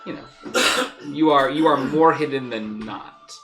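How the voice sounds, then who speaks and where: A woman with a low voice narrates a tabletop game as its game master. She talks in a loose, chatty way, with faint music playing underneath. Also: unhurried.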